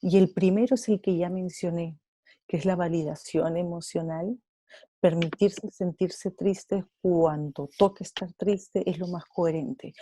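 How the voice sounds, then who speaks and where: A woman's voice: on the low side, mellow, no echo. A woman with a Peruvian Spanish accent speaking as a guest on an online panel, explaining patiently and acting out quoted dialogue.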